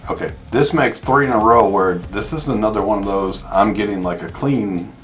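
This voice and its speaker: A man co-hosting a fragrance review, chatting casually and unscripted, as if thinking out loud. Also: lowish voice, moderate pace, faint music behind.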